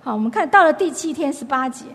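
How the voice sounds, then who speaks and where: A woman's voice: high-pitched, expressive, fast, a bit bright, in a large hall. A woman giving a chatty Bible lesson, retelling the story and restarting her sentences often. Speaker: Bible study teacher. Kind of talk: conversational Bible teaching.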